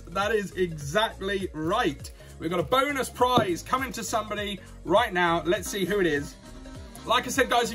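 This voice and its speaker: High-pitched, excited British man announcing giveaways. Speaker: YouTube host. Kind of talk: casual unboxing and giveaway vlog. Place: small indoor room at a desk.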